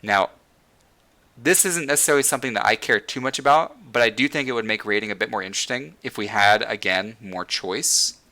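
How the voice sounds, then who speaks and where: A man chatting casually about games, full of fillers and restarts. His voice is somewhat low but bright and smooth, though it is tiring and starting to go. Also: fairly quick. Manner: rambling, frequent fillers and restarts. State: losing his voice. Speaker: podcast host. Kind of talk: casual gaming discussion.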